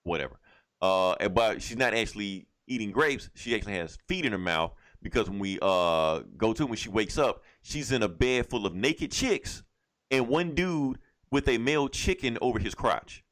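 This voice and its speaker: With a lowish, fairly bright voice, a man co-hosting a podcast tells a comic book's story animatedly at a moderate pace. The chat is loose, rambling and irreverent, packed with slang and swearing.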